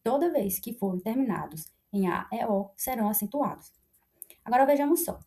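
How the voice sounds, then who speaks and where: A woman teaching grammar in a slightly raised, mellow voice. She explains each rule patiently and keeps checking in with her listeners as she goes. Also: a little high, animated. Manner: explains slowly with many checks like "né?" and pointing "ó". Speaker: Portuguese language teacher. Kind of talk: classroom grammar lesson.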